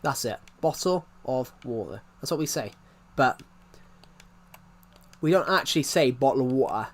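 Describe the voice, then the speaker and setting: A young game streamer from outside London, with a thick regional British accent, chats casually on a live stream. His voice sits at a medium pitch with lively intonation and a moderate pace. He rambles, repeats himself and keeps restarting his sentences.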